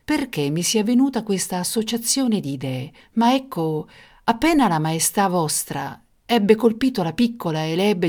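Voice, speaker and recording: A woman's voice: fairly low pitch, darkish tone. A woman voicing a small, timid male court jester who speaks hesitantly.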